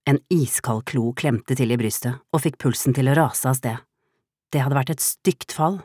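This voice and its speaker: A woman reading a novel aloud as the narrator, in a calm, steady way. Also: rumbling low, no echo, clean studio sound. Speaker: audiobook narrator. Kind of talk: scripted narration.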